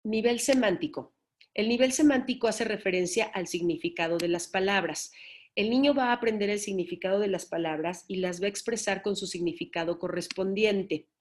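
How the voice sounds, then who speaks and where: A woman speech therapist giving an informal talk to parents, often checking in with "¿sí?". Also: mid-range voice. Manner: explanatory, checks in with "¿sí?". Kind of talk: informal lecture.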